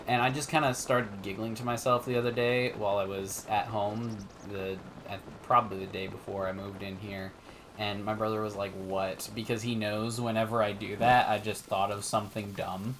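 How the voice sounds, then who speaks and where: A man's voice: on the low side, flat delivery, moderate pace, background noise. A man co-hosting a casual gameplay chat, joking around and giggling at his own bits. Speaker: co-host.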